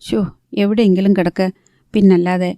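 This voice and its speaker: A woman's voice: medium pitch, steady tone, moderate pace, dark tone, no echo, natural voice. A woman reading the part of an irritable, sarcastic young man who craves a smoke, in a blunt, grumbling way.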